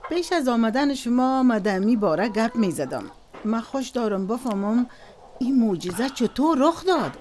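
A woman's voice: on the high side, expressive, darkish tone, a little hiss or hum, lightly acted. A woman with an Afghan Dari accent, acting in a radio drama as a hospitable wife who is eager to hear a story. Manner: welcoming and eager. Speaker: wife hosting a guest.

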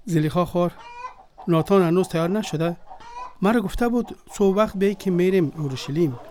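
A man's voice: high voice, darkish tone, slight background noise, close to an everyday voice. A man playing a devout visitor telling a story, Afghan Dari accent. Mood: friendly. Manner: earnest storytelling. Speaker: visiting friend who retells a story. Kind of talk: radio drama acting.

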